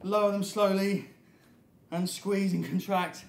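A fitness coach in his 30s, out of breath from exercising, gives short motivational cues in a high-pitched, gravelly, somewhat slow voice with little pitch movement. He's in an indoor gym studio with a hard floor, and the echoey recording has audible background noise.

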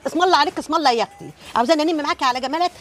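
An actress playing a sharp-tongued, gossipy neighborhood auntie who scolds and bargains in Egyptian Arabic. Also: female voice, high-pitched, racing, a little hiss or hum.

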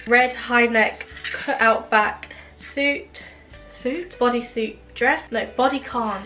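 A young woman talks through her wardrobe in a chatty, thinking-aloud way, her voice sitting a little on the high side. Now and then she stops to search for the right word. Soft music plays faintly underneath. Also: fairly even intonation, takes it slowly. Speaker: fashion vlogger. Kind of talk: casual wardrobe tour.

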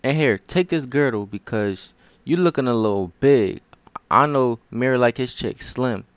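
A man's voice: mid-range voice, normal speed, no echo. A man hosting a comedy skit, talking in slang in a bossy, teasing way.

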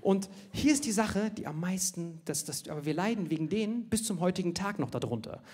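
A fairly high-voiced man from India doing a stand-up comedy set. He is animated and jokey, and keeps dropping quick tag questions to the crowd. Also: a little hiss or hum.

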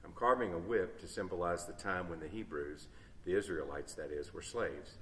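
A man voicing a calm man explaining. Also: low voice, normal speed, slight background noise. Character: patient grown man carving a whip, explaining. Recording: echoey church hall, distant mic.

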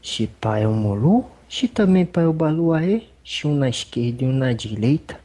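A medium channeling a husky old spirit elder. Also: mid-range voice, lively intonation, measured pace, warm tone. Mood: fatherly. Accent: Brazilian. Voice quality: husky, rambling, folksy speech with fond asides. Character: old male spirit elder, humble, teasing, fatherly. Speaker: spiritual medium giving a consultation. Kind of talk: religious consultation talk.

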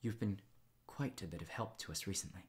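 An author voicing a calm male superhero who speaks softly, near a whisper, in an audiobook whispered role-play. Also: deep voice, brisk, natural voice. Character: soft-spoken male hero, living tornado.

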